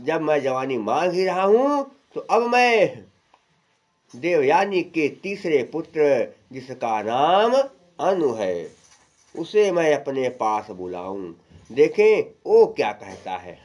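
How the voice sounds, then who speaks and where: A man voicing an aging king who pleads with his son in a low, subdued way. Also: very animated, slow, a little mellow, full character voice. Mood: musing.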